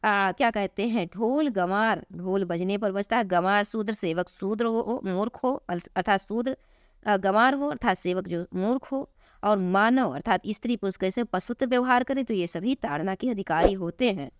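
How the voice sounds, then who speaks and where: Woman teacher, patient repetitive lesson, mid-pitched voice, dry close recording. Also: moderate pace, no room sound. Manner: patient, repetitive explaining, addressing students as children. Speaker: Hindi teacher. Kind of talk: classroom lesson explaining grammar.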